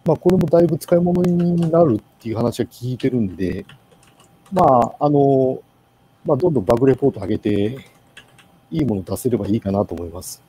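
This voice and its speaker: A man giving a casual presentation in an online meeting, with many pauses and fillers. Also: mid-range voice, expressive, mellow, a little hiss or hum, rough recording. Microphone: video call.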